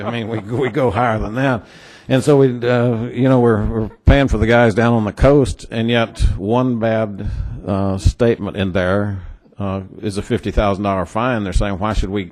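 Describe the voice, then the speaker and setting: A man with a West Texas twang questioning witnesses at a formal hearing in a halting, plain-spoken, skeptical way. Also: lowish voice, darkish tone. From New Mexico or West Texas, United States.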